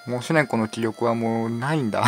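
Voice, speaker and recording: A hoarse man commentating a game, reading its dialogue aloud with frequent giggles, stumbles and asides. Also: mid-range voice, fast talker, faint music behind. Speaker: game streamer. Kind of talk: playful let's-play commentary reading game text aloud.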